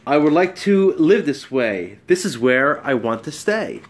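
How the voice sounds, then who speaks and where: A middle-aged man giving an expressive children's storybook read-aloud at home. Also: a little high, a little slow. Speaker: storybook reader. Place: small bright room at home.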